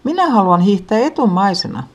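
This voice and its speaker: A woman playing a stubborn, shrill little girl. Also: very animated. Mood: demanding. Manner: shrill, demanding, sulky.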